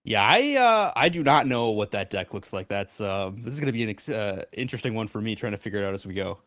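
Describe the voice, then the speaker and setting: A man co-commentates a card game match in a relaxed, hesitant way, full of ums and restarts. His voice sits fairly low and the sound is dry and close. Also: fast, no echo. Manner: relaxed, hesitant, many fillers. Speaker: co-caster.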